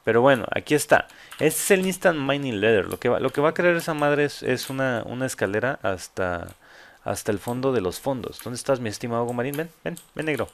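A man's voice: mid-range voice, lively intonation, fairly quick. A man with a Mexican accent giving casual, joking let's play commentary full of crude slang. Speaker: gamer host.

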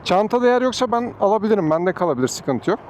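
A man's voice: sits high, big pitch swings, quick pace. A man speaking from inside a helmet in a polite, chatty motovlog style as he works as a motorbike taxi rider. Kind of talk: casual motovlog chat. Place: outdoors on a motorbike in city traffic. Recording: loud engine, wind and street noise.

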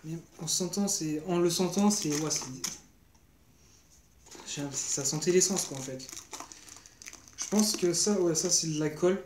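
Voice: medium pitch, a little slow, pauses often. A young vlogger talking casually while unboxing gear, hesitant and rambling, often searching for words. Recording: roomy echo with clear background noise and crinkling.

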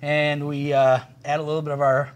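Ein Mann mittleren Alters mit leicht hoher Stimme führt entspannt durch seine Bäckerei. Er erklärt seine Backwaren im lockeren Plauderton, mit einigen Füllwörtern. Aufgenommen drinnen im Laden mit einem Ansteckmikrofon. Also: male voice, fairly high pitch, fairly quick. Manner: relaxed, explains products with fillers. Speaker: bakery owner. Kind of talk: casual shop tour chat. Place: indoors in a bakery shop.

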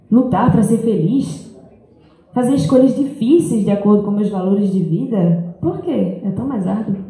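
Young woman speaker, dark mellow tone, earnest and reflective, handheld mic in a big echoey school hall. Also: a little high. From Brazil and France. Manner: earnest, reflective, reads from paper. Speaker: speaker giving a school talk. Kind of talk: reading a personal talk aloud. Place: large school hall, indoors.

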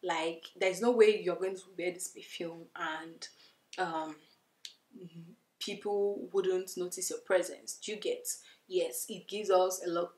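A young woman speaks slowly and deliberately, stretching her phrases as she reviews fragrances straight to camera. The echoey room gives her voice a hollow, roomy ring. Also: mid-range voice. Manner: chatty and emphatic, addressing viewers as "you guys". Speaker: beauty vlogger. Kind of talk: casual perfume review to camera. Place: indoor room, plain wall.

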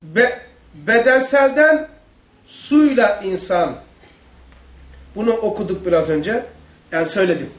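A man giving a religious study lesson, asking his listeners questions as he goes. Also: sits high. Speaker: religious teacher. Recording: echoey room, distant mic.

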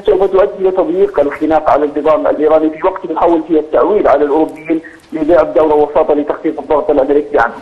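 A man's voice: fairly high pitch, steady tone, rapid-fire. A man from Saudi Arabia, a political analyst, talking over a phone line that keeps breaking up and cutting out. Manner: keeps talking steadily without hearing the host. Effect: broken-up phone line, audio cutting out.

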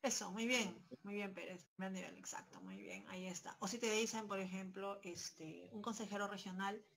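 A woman's voice: medium pitch, expressive, moderate pace, fairly bright tone, a little hiss or hum. A woman with a Peruvian Spanish accent teaching a civics class online from home, checking in with her students through constant tag questions. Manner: talks to students with many tag questions and fillers. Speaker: pre-university civics teacher. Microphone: headset.

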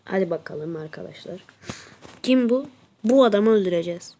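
A woman with a flu-blocked, congested nose giving casual gameplay commentary, muttering to herself and then yelling excitedly at the game. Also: mid-range voice, normal speed, a little hiss or hum. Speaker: gaming channel host.

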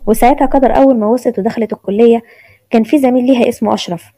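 A woman's voice: on the high side, steady tone, mellow, no room sound. A woman with an Egyptian accent narrating a serial story in a conversational way. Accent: Egyptian Arabic. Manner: rapid, conversational.

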